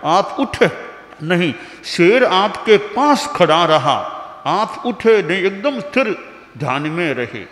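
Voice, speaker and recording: A man voicing an excitable young male disciple who pleads urgently with his teacher. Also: high-pitched, slow, full character voice. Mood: earnest. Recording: reverberant hall.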